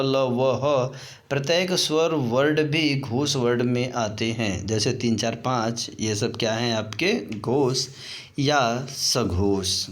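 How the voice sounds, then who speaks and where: A man teaching a grammar lesson, explaining step by step, repeating key terms, putting questions to his students and mixing in English words. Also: fairly high pitch.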